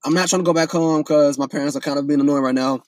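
A young man telling a story in a casual, profane, animated way, full of restarts. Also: a little high, fast talker, no room sound.

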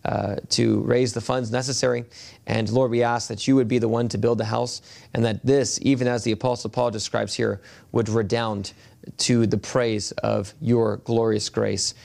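A male pastor preaching a sermon at a pulpit microphone in a church. He reads scripture in a measured way and often halts with fillers when he speaks freely. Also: medium pitch, flat delivery, creaky, a little mellow. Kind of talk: sermon with scripture reading and prayer. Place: church sanctuary.

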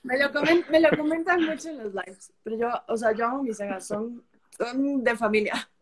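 A young Peruvian woman, a travel creator with a mixed Peruvian and Costa Rican accent, chats as a guest on a casual live stream. She joins remotely while traveling on a road trip, speaking fairly high at a normal speed, full of fillers and restarts.

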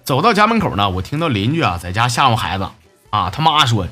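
A man's voice: medium pitch, sing-song, fast, pushed and bright, faint music behind. A man hosting a comedy show, reading listener messages aloud and joking with laughs at his own punchlines. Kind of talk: comic radio-style monologue.

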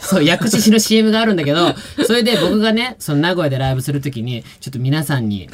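A rock band member chats on a radio show, telling tour stories with a lively, swooping pitch. He's animated and quick with asides. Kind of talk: casual radio chat.

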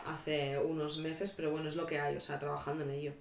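A woman who is a sexologist, speaking candidly and reflectively, often pausing on fillers. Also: deep voice, level tone, vocal fry, recorded from a distance, very noisy. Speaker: sexologist guest. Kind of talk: casual podcast chat. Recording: echoey room, voice off-mic.

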